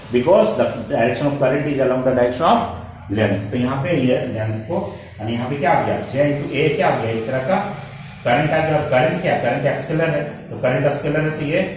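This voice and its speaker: A man's voice: mid-range voice, a little mellow. A man teaching physics at a board, switching between Hindi and English and quizzing himself as he explains each step. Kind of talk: classroom lecture at a board. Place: echoey classroom with a board. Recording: very echoey room, distant mic, faint noise.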